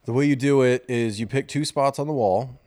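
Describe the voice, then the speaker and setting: A man's voice: medium pitch, a little fast, a little mellow, no room sound, studio quality. A man co-hosting a casual podcast, joking and self-deprecating as he explains things. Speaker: podcast co-host. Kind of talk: casual chat.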